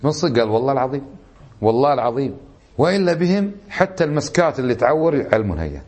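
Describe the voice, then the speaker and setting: Fast-talking husky sheikh giving a lesson. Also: male voice, medium pitch. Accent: Kuwaiti Arabic. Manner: animated storytelling, acts out quoted people. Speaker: sheikh teaching a book. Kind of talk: religious lesson, colloquial Gulf Arabic.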